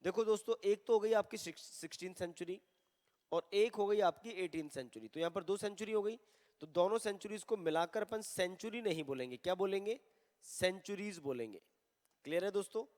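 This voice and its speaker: High-voiced man teaching grammar. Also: a little mellow, long reverb tail. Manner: mixes Hindi and English, reads examples slowly. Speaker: English teacher. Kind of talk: recorded online grammar lesson.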